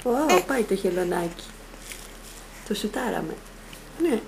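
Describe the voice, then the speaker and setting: A woman's voice: medium pitch, expressive, gravelly, a crowd in the background, poor audio. A woman, an aunt, cooing doting baby talk to her infant niece in a sing-song voice, repeating endearments.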